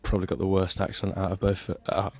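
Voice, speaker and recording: A man's voice: low-pitched, monotone, fast talker, darkish tone. Easygoing young man, faint Birmingham accent. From Birmingham, England. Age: young adult. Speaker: university student, torch relay participant. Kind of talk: casual interview chat.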